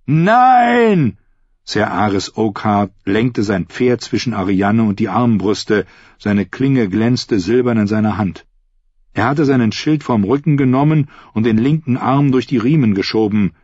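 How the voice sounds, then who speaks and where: A man reading an audiobook in steady scripted narration. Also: lowish voice, measured pace, breathy edge, no room sound. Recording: slightly dull lo-fi recording.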